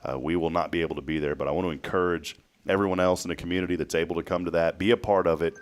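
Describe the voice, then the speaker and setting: Deep-voiced man hosting a morning show. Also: steady tone, rapid-fire. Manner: jokey, reads news items and quizzes co-hosts. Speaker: host. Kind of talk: casual morning show chat. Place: small studio. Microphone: headset.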